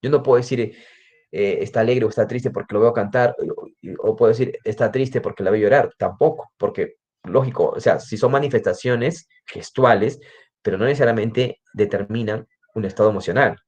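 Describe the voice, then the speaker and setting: A forensic psychologist with a Peruvian Spanish accent lectures in a lowish, darkish voice at a moderate pace, explaining things step by step. He often tacks on "¿no?" and restarts his sentences, and the lo-fi recording is slightly dull.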